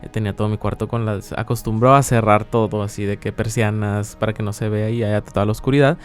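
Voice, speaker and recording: A man's voice: fairly low pitch, fairly even intonation, fast, soft background music. A man co-hosting a podcast, telling paranormal stories in a casual, conversational way. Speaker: podcast co-host.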